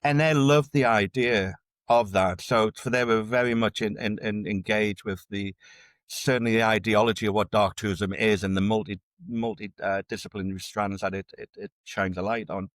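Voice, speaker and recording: Male academic guest, low voice, stop-start repetitions, dry close recording. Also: fairly even intonation, moderate pace, no echo. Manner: repeats words and restarts often while building an argument. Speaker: dark tourism researcher, guest. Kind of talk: conversational academic interview.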